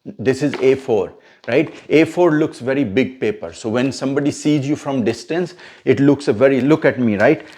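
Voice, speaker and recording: A man's voice: mid-range voice, moderate pace, darkish tone. Man coaching future event hosts. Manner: explains step by step, checks in with listeners often. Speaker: MC trainer. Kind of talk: instructional coaching session.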